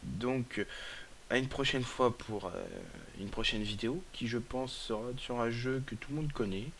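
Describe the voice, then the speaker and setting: A man presents a video game in a casual, unscripted way. His mid-pitched voice is hoarse, as with a sore throat, and he halts and repeats himself as he goes. Gunfire and clicks from the game make the recording clearly noisy. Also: a bit bright. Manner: hesitant, halting, repeats himself. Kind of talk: casual unscripted gameplay commentary.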